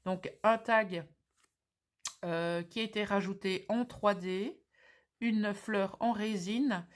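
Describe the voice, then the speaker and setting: A woman with a Belgian French accent talks through handmade craft pieces on camera. Her delivery is slow and unhurried, with many fillers as she describes each detail. Her voice sits at a middle pitch. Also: fairly even intonation. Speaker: crafting channel host. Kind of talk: presenting craft mail on camera.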